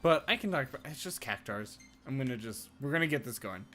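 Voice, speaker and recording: A man's voice: mid-range voice, lively intonation, fast talker, sharp tone, faint music behind. A man giving casual late-night commentary while playing a video game, rambling and often restarting his sentences. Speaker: game streamer.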